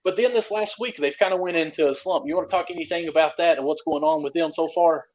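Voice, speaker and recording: A quick-talking man co-hosts a casual sports podcast. He is folksy and enthusiastic, and the audio is a bit dull and lo-fi. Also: on the high side, a little mellow. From Kentucky. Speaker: podcast co-host.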